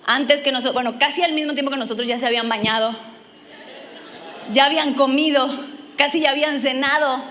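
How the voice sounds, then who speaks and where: A woman's voice: sits high, a bit bright, slight background noise. A woman from Mexico, preaching a sermon and telling a funny personal story, acting out her own lines with animation.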